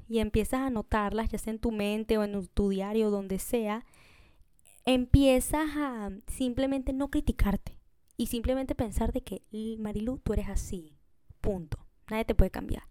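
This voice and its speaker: Her voice sits a little high, mellow and clear with a resonant tone and no echo, as this podcast host delivers a casual solo monologue. Talkative and direct with her audience, she keeps adding "you know?" and blends English words into her Spanish.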